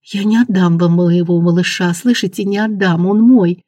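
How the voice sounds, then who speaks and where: Reader plays terrified young maid with child; raised, strained voice, dark mellow tone. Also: mid-range voice, normal speed, slightly rough, dry recording, natural voice. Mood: hysterical. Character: frightened young pregnant maid, defiant.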